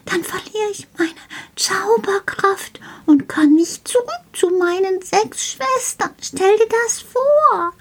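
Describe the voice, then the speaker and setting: A woman voicing a tiny, cheeky magical sprite boy in a children's storybook, breathy and half-whispered, eager and chirpy. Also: very high voice, lively intonation, unhurried, darkish tone, voice pushed up, exaggerated voice.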